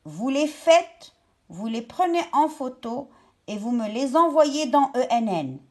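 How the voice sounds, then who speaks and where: A woman teacher talking young pupils through a worksheet step by step, stretching out each word slowly. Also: sits high, sing-song. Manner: slow, step-by-step, drawn-out words for young pupils. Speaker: primary school teacher. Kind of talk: remote lesson explaining a worksheet.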